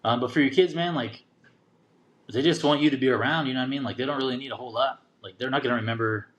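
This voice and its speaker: Regular-voiced dude chatting easy on a podcast, lots of slang. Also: male voice, mid-range voice, fast. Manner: laid-back slang, "dude" and "man". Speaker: guest father. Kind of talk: casual interview chat.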